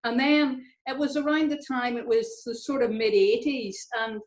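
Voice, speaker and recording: A woman's voice: on the high side, normal speed, reverberant, rough recording. A woman in her fifties from Northern Ireland with a Northern Irish accent, speaking on a video call and giving an informal, chatty, self-deprecating talk to students as an engineer on a panel. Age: 50s.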